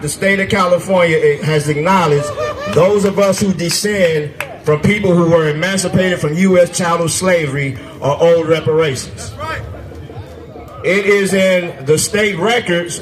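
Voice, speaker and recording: A man running for office giving a conversational, forceful stump speech to a crowd at an outdoor festival. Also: high voice, poor audio. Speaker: candidate for state assembly. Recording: music playing behind the speaker.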